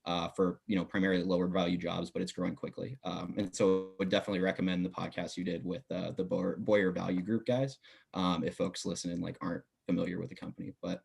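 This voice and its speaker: A young man talks fast and at length as a podcast guest, his voice low and gravelly with a husky edge. His pitch barely moves, and his answers are full of ums and uhs. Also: level tone, a little mellow. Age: young adult. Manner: fast, detailed, uses filler words. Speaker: podcast guest, business student. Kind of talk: casual interview talk.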